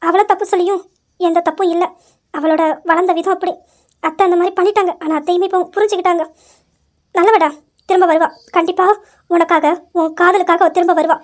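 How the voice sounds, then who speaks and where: A woman's voice: very high voice, fairly even intonation, a little fast. A woman as a comforting, anxious mother. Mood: reassuring. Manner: soothing, pleading. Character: loving middle-aged mother, anxious and comforting. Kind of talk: amateur audio drama acting.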